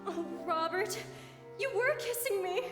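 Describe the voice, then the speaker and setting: A woman's voice: very high voice, animated, measured pace. An actress playing a flighty, theatrical young showgirl bride in a stage musical. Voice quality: theatrical, flustered. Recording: echoey theatre hall with music.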